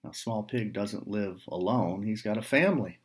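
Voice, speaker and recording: A man with a fairly low voice reads a picture book to young children, pausing between short phrases and dropping in casual asides and questions.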